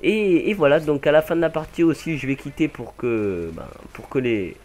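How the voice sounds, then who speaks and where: A man's voice: fairly high pitch, lively intonation, normal speed, darkish tone, a little hiss or hum. Young man rambling over gameplay. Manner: rambling, hesitant, many fillers and self-corrections. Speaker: gaming channel host. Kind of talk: casual gameplay commentary.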